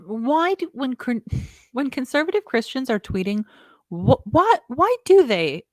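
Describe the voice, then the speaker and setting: A woman's voice: high-pitched, sing-song, unhurried, dry recording. A woman in casual podcast chat, musing aloud with wry questions.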